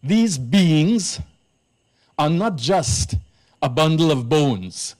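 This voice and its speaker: A man's voice: fairly high pitch, expressive, extremely slow, darkish tone. A man from Trinidad, a priest giving an earnest public lecture at a live event in an arts centre, stressing his key words.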